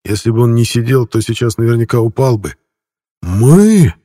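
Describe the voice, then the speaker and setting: A man narrating a novel in a steady, measured storytelling manner. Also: mid-range voice, no echo, clean studio sound. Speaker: audiobook reader. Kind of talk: scripted narration.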